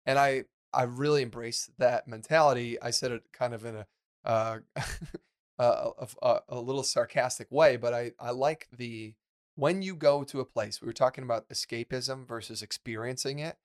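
Chatty man with a middle-pitched voice, rambling. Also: normal speed. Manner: rambling, lots of fillers and restarts. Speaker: podcast co-host. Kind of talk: casual podcast chat.

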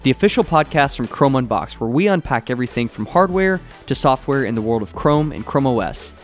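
A man's voice: medium pitch, sing-song, a little fast, soft background music. A man co-hosting a casual tech podcast, upbeat and laughing easily, with lots of fillers and restarts. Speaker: podcast co-host.

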